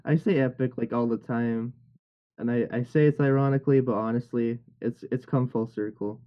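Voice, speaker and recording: A man's voice: mid-range voice, steady tone, normal speed. Rambling young man on a muffled call. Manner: rambling, jokey, lots of fillers. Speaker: voice actor. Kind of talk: casual group chat.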